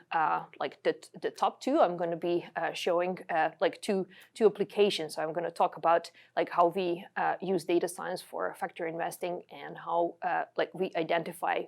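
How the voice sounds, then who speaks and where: Woman, from Serbia, low voice with some fry, webinar presentation, lots of "like" and restarts. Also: moderate pace. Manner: many fillers and restarts, uses "like" often. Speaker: guest speaker.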